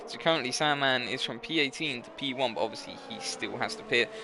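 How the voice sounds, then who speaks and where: A man's voice: medium pitch, brisk, gravelly. Tired young guy doing race commentary, keeps correcting himself, noisy background hum. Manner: rambling, self-correcting, tired. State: tired, yawning. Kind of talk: live sim racing commentary.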